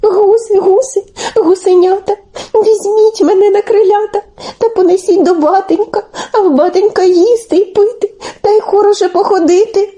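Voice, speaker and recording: Woman doing a little boy hero, high and pleading. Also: steady tone, moderate pace, dark tone. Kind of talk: audio fairy tale reading.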